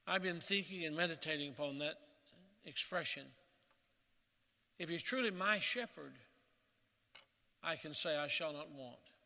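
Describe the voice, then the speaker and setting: A man, the pastor, preaching a sermon at a pulpit microphone in an earnest, measured way, often dropping to a soft, hushed voice. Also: a little high, creaky, big-room sound.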